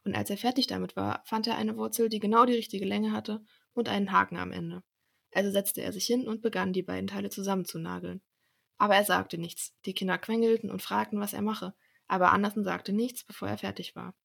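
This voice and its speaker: Gravelly, husky young woman reading a story. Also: medium pitch, fairly quick. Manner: steady narration with occasional small slips. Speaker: student storyteller.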